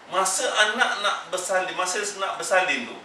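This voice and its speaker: A man's voice: sits high, animated, normal speed, sharp tone, slight background noise. A man teaching a Quran exegesis class, admonishing his listeners emphatically and repeating his warnings. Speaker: religious teacher. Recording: echoey room, mic far off.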